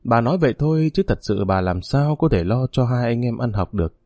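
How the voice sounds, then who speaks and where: Man, story narration, steady reading, dark tone. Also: medium pitch, brisk, no echo, clean studio sound.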